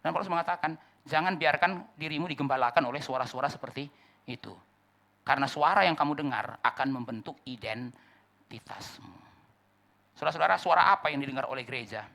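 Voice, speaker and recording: A male pastor preaching a sermon with animated delivery, shouting key words and dropping to quiet asides, acting out the voices of churchgoers. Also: on the high side, fairly quick, vocal fry. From Indonesia. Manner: acts out congregants' voices.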